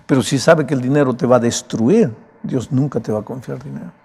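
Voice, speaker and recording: With a raspy, broken voice, this male pastor preaches in an emphatic, talk-to-you style. He speaks a little fast at a medium pitch, and his tone is warm.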